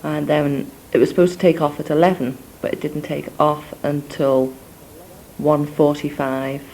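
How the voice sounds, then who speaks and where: This young woman's voice sits low, darkish and flat, moving a little slowly as she rambles, um-ing and digressing, through a cassette letter to family. Her accent combines Scouse and Scottish. Captured indoors on a cassette or dictaphone, the recording is rough with slight background noise.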